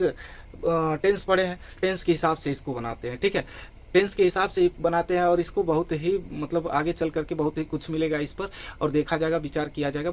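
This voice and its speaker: High-voiced man teaching grammar. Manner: explains step by step, repeating phrases and adding "ठीक है". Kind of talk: online grammar lesson.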